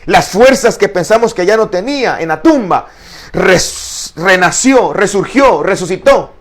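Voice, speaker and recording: A middle-aged man preaching a sermon as pastor, impassioned and rising toward shouting at its peaks, often restarting his words. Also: high voice, animated, unhurried, gravelly. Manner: restarts and stumbles over words.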